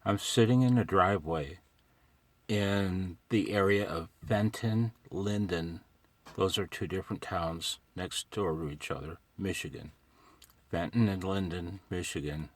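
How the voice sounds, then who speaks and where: Sitting in a parked truck, an older American ham radio hobbyist vlogs, chatting to himself in a casual, wry, folksy ramble. His voice sits low and his pace is measured. The recording is dry.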